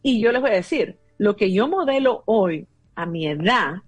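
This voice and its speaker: A woman's voice: medium pitch, animated, moderate pace, slightly rough, dry recording, faint music behind. A woman in her fifties talking as a guest about parenting, explaining earnestly with many fillers. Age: 50s. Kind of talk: conversational advice talk.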